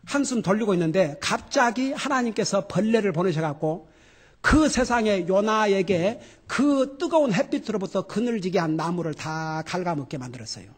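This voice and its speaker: A middle-aged man preaching a sermon as pastor, animated and laughing, swinging between loud exclamations and quiet emphasis. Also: high voice, moderate pace, husky.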